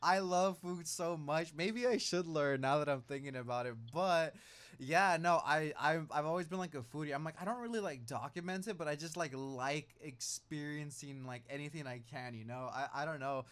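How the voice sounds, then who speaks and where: A young man interviews a guest in a relaxed chat. His speech is halting and full of "like." He keeps stopping and restarting his sentences. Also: a little high, clear, resonant tone. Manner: halting, frequent "like" and "mm-hmm". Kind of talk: casual interview.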